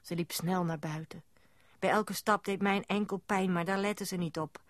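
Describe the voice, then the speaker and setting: Quiet woman narrating a storybook. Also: on the low side, no room sound, studio quality. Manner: calm, quiet, measured. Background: music.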